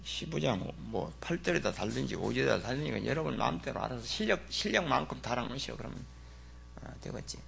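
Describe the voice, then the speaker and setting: A man preaching a sermon as pastor, folksy and teasing, swinging from loud exclamations to muttered asides. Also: medium pitch, lively intonation, fast talker, gravelly.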